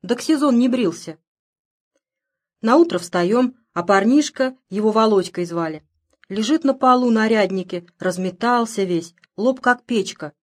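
A woman reading a story aloud as a first-person narrator, in lively, folksy, conversational rural speech. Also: on the high side, measured pace. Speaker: audiobook reader.

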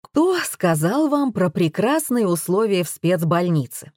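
A woman's voice: on the low side, very animated, measured pace, darkish tone, dry recording, clean studio sound. A woman voicing a stern man who questions a suspect in a pointed, probing way.

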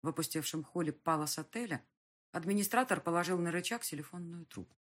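A woman narrates a novel in an even, steady manner. Her voice is husky and sits on the lower side. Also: fast talker. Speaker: audiobook narrator. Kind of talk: scripted narration.

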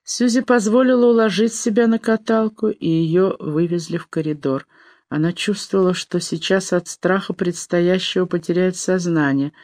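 An audiobook narrator reading a novel in a measured, even way. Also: medium pitch, dry recording, clean studio sound. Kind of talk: scripted narration.

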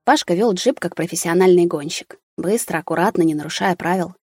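A woman reading a first-person audiobook in an even, measured storytelling manner. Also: fairly low pitch, breathy edge, no room sound, clean studio sound, soft background music. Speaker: audiobook narrator.

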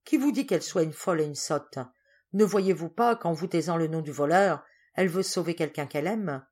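A woman's voice: lowish voice, a little fast, darkish tone, natural voice. A woman reading the part of an impassioned young man pleading with his father, in a fervent, declamatory way. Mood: indignant.

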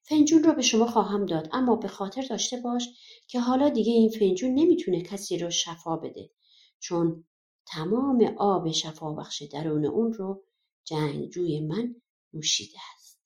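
Stern old fairy-tale king, commanding and gruff, voiced by a woman narrator; roomy sound. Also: mid-range voice, expressive, darkish tone, lightly acted. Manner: harsh, commanding. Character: stern old male king of a magic land.

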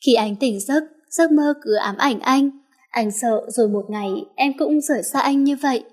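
A woman voicing a young man, a wounded, protective and jealous lover who speaks cold to enemies and gently to his girl. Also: sits high, normal speed. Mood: tender. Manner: cold, then tender and teasing.

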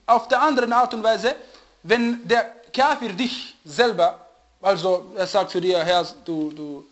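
Man, high voice, religious lecture, hunts for words mid-sentence, dull lo-fi recording. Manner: often pauses to search for German words; asks listeners to confirm they follow. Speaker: religious teacher.

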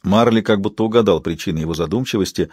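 A man narrating an audiobook in steady, even storytelling, recorded on a close studio mic in a booth. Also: deep voice, quick pace, breathy edge, dry recording. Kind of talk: scripted narration.

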